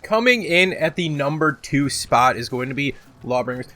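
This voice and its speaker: This gaming commentator and video host has a fairly high voice, animated and at a normal pace, though his throat is sore. He delivers a casual, rambling countdown off the cuff, with some slang and swearing, over loud background music.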